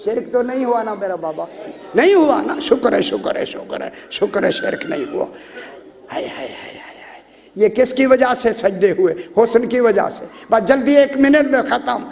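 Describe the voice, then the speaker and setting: A man preaching a storytelling sermon on a microphone, emphatic, often shouting and laughing as he questions his listeners. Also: very high-pitched, wildly swooping pitch, normal speed, creaky. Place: religious gathering hall. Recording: long hall reverb, faint crowd.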